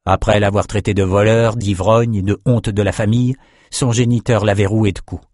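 Reading a fantasy audiobook, a low-voiced male narrator keeps a steady, measured delivery. The recording is close and dry, without any room sound.

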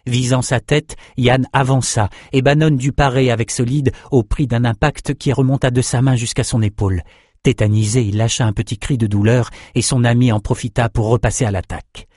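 A man reading a fantasy novel aloud in steady, measured scripted narration. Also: mid-range voice, no room sound, studio quality. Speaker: audiobook narrator.

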